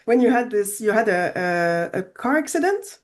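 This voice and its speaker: A woman's voice: medium pitch, sing-song, moderate pace. A woman hosting a podcast interview, asking questions hesitantly with repeated words. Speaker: podcast host.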